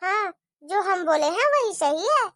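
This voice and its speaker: A very high, bright young daughter played by a woman, quick to complain and tell tales. She picks at her sisters-in-law in a cartoon story. The sound is dry and close. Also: sing-song, dry recording, exaggerated voice. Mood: whiny. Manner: complaining, tattling. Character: young married daughter, sharp-tongued.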